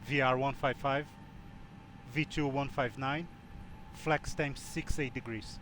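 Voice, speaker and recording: A man's voice: medium pitch, steady tone, slow pace, a bit bright, slight background noise. A man giving cockpit checklist callouts over a pilot headset in a home flight simulator, with short procedural replies.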